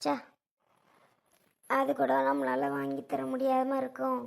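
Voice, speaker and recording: Woman playing a gentle, pitying aunt. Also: high-pitched, completely flat delivery, slow pace, gravelly, exaggerated voice. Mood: tender.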